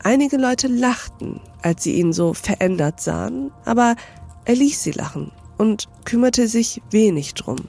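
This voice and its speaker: A woman reading a classic novel aloud as narrator, calm and measured. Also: fairly high pitch, vocal fry, slightly rough, soft background music.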